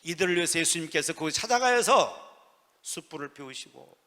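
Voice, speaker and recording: A male pastor preaching a sermon in a church, swinging from soft near-whispers to loud emphatic peaks. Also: on the high side, big pitch swings, fairly quick. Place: church sanctuary. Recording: long church reverb.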